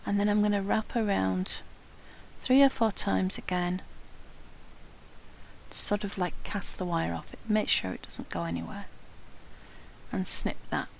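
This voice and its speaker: Gravelly-voiced woman teaching a craft. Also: medium pitch, unhurried, long pauses, slight background noise, rough recording. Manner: calm, careful, talks while working with hands. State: has hiccups. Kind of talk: hands-on craft tutorial narration.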